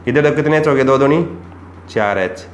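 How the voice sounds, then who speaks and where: A man runs through chemistry for an upcoming exam, repeating key points and throwing out rhetorical questions. He has a mid-range voice and a moderate pace, and the room sounds echoey with slight background noise.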